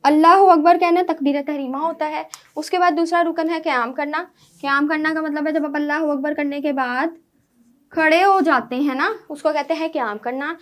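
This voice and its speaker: A woman's voice: high voice, fairly even intonation, moderate pace. A woman teacher, giving an online lecture to schoolchildren, explaining step by step and often checking with "right?".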